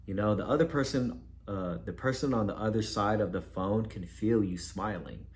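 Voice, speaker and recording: A man's voice: fairly low pitch, moderate pace, a little hiss or hum. A man giving casual career advice to camera from home, talking loosely, with fillers and repeated words. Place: at home, with laundry machine nearby.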